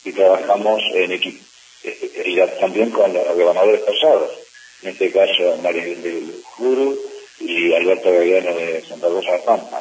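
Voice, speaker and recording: Man, very low voice, measured with many pauses, heard from a distance with faint hiss. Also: a little mellow. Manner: measured, frequent hesitations. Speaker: district governor of a service club. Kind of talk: press interview.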